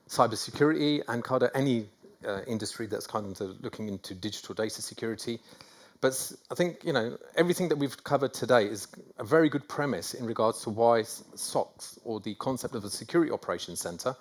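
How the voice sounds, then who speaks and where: A middle-aged man with a North London accent giving a conference talk, self-deprecating and rambling with many fillers and restarts. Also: medium pitch. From England. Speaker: conference speaker. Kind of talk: conference presentation. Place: conference hall.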